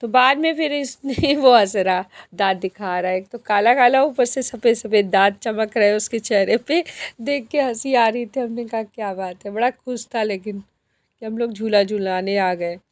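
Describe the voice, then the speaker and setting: A woman's voice: fairly high pitch, moderate pace. A woman vlogger narrating her outing in a chatty way, often speaking straight to her viewers. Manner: chatty, addresses viewers as friends. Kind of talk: casual vlog narration.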